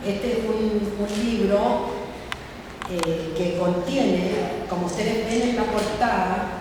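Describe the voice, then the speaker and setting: A woman presenting a book at a book fair, talking in a halting way with many fillers and rhetorical asides. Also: mid-range voice. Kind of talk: public talk at a book fair. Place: large hall at a book fair. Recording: echoey hall from far off, background noise.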